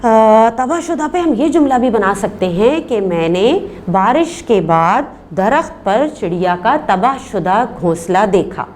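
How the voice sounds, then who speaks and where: A woman's voice: mid-range voice, very animated, few pauses, darkish tone, a little hiss or hum. A woman teaching a primary class, patient, repeating words for the children and asking questions she answers herself. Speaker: primary school Urdu teacher. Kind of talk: recorded remote lesson.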